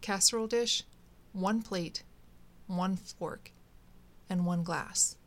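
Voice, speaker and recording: A woman narrating a short story aloud in a steady, measured way. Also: mid-range voice.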